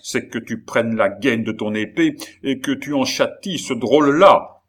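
A man reading an audiobook, voicing a furious, domineering old baron who shouts and blusters at those beneath him. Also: on the low side, wildly swooping pitch, takes it slowly, husky, exaggerated voice. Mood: enraged. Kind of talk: audiobook character voice.

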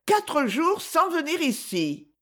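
A woman's voice: high-pitched, huge pitch swings, slow, fairly bright tone, pitched above the performer's own voice, heavily acted. A woman reading a storybook voices a sad, melancholy young woman in a wistful, downcast tone.

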